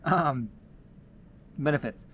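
A man's voice: a little high, slow, a bit bright, a little hiss or hum. A man giving casual motivational advice as a host, earnest and encouraging in a conversational way.

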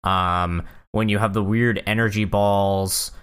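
A man with a lowish voice talking casually about a video game. He takes his time describing small details and fills the gaps with "um" and "like." His tone stays easygoing and conversational. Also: slow pace, smooth. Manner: relaxed, describes details with fillers. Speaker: podcast co-host.

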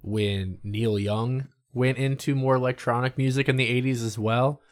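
A man's voice: medium pitch, fairly even intonation, moderate pace. A man in casual conversation about music, talking in loose, rambling sentences with many restarts.

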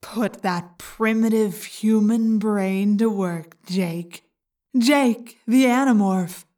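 A woman voicing a hushed sneering alien parasite. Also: medium pitch, very animated, extremely slow, husky, exaggerated voice.

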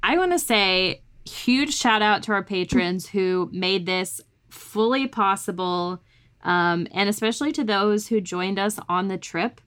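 A woman's voice: medium pitch, a little slow, fairly bright tone, smooth. A woman co-hosting a ghost podcast in casual chat, bubbly and enthusiastic. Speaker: podcast co-host.

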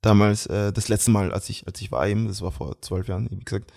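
A young man tells a family story in an interview, with a low-pitched voice. He talks casually, stumbles over restarts and fillers, and laughs easily. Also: fairly even intonation, gravelly, darkish tone. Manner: chatty, halting with many fillers and restarts, laughs often. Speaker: guest.

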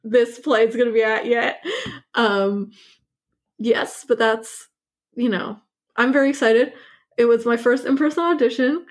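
Chatty woman with a higher voice. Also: steady tone, measured pace, long pauses. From born in Hungary, grew up partly in New York and Montreal. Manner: chatty, laughs often, many fillers. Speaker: interview guest, actor. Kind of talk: casual interview chat.

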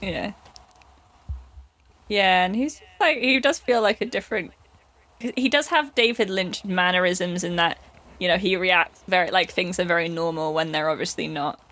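A woman's voice: lowish voice, normal speed, fairly bright tone. A woman co-hosting a podcast, chatting casually about a film with frequent fillers and easy laughter. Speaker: podcast co-host.

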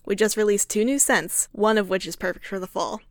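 A woman's voice: medium pitch, fairly quick, no echo, studio quality. Woman host reading podcast credits. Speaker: host and game master. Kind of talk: podcast credits and promo read.

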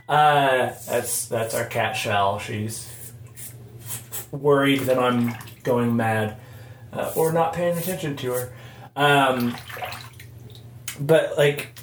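A man hosting a casual solo podcast from an echoing bathroom, talking in a halting, rambling, informal way. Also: medium pitch. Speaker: podcast host. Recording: echoey bathroom, faint background noise. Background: faint noise, sounds of shaving at sink.

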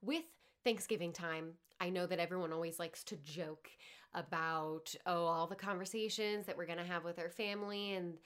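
A woman's voice: lowish voice, steady tone, moderate pace, a bit bright. A woman hosting her own podcast, talking in a chatty, candid way, swearing now and then and laughing often. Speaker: podcast host. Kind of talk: casual solo podcast chat.

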